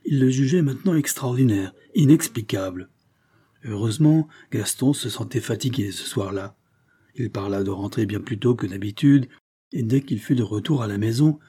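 A man narrating a classic novel as an audiobook in a steady, measured way. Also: fairly low pitch, husky.

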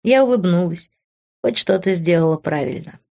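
A woman narrating a first-person novel in an expressive reading voice. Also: moderate pace, gravelly. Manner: expressive, lifts pitch on the heroine's speech. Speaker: audiobook narrator. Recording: dull lo-fi recording.

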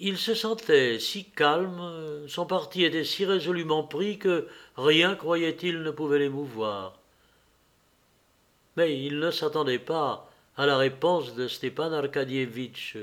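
Male audiobook reader, measured literary narration, somewhat high voice. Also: fairly bright tone. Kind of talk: scripted narration of a classic novel.

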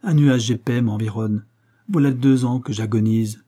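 Dying mom saying goodbye, weak and faltering, low husky voice, as a guy reads her. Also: warm tone, close to an everyday voice. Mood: tender farewell. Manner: slow, faltering farewell words. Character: dying mother, weak, tender and resigned.

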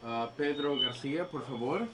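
A man playing an over-polite, hesitant chocolate salesman on a phone sales pitch, repeating himself. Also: normal speed, close to an everyday voice. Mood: courteous. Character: polite male chocolate salesman claiming to be French. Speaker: prank caller. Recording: noisy radio phone call.

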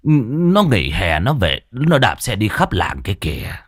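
A man's voice: fairly low pitch, wildly swooping pitch, a little slow, dry recording, studio quality, heavily acted. A man voicing a grumpy, half-deaf old village man in a storytelling reading, grumbling in disbelief. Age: older. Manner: grumbling, incredulous, cursing.

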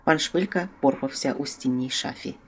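A steady audiobook narrator telling a comic fantasy novel. The pitch sits in an ordinary middle range and the delivery stays even and unhurried. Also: breathy edge. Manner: even, steady storytelling with brief character voices. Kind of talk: scripted narration.

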